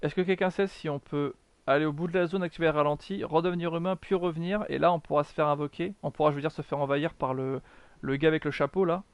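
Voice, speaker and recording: A man's voice: fairly high pitch, fairly even intonation, fast talker, smooth, no echo. A man giving chatty live commentary while streaming a video game, mocking himself, swearing often and answering his chat.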